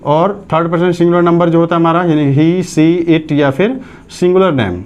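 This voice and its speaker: Slightly high and a little mellow, a man's voice moves at a moderate pace through an English grammar lecture. He explains step by step, dictates sentences word for word, and checks whether students have understood.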